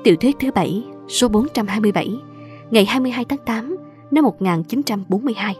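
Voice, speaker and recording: A woman narrating a short story in a measured, scripted reading as channel host. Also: fairly high pitch, lively intonation, darkish tone, soft background music.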